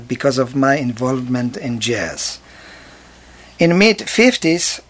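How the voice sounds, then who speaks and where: An older man from Poland with a Polish accent, a jazz pianist telling his life story in a slow, careful, measured way. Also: on the high side. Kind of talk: spoken memoir track.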